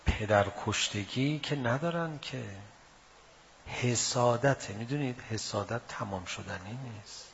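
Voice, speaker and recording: A man preaching a religious sermon that moves into mournful storytelling, speaking with passion, firing off rhetorical questions and swinging between loud appeals and hushed tones. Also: medium pitch. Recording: dull lo-fi recording with faint background noise.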